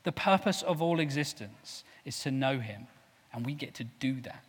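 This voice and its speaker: A man preaching a sermon with passion, swinging from loud declarations to soft, low asides. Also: lively intonation, moderate pace, husky. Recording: long hall reverb.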